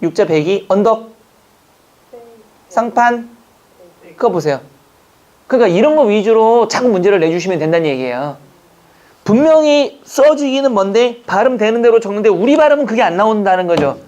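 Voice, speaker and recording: A man from Jeju Island teaching an exam-prep language class, chatting, joking and quizzing his students with quick questions. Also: high-pitched, darkish tone. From Jeju Island, Korea. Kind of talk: classroom lecture. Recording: dull lo-fi lecture recording.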